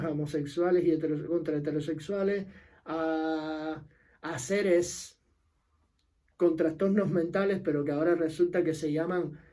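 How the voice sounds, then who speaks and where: Emphatic Cuban man with a mellow voice. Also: on the high side. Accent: Cuban Spanish. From Cuba. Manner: emphatic, repeats key phrases, trails off at sentence ends. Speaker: political commentator. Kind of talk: impassioned opinion monologue.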